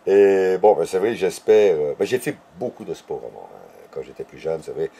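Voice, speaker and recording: An older male interviewee from Belgium, with a Belgian French accent, spins animated stories and acts out their dialogue in a casual conversation. His voice sits low and is slightly rough, moving at a moderate pace.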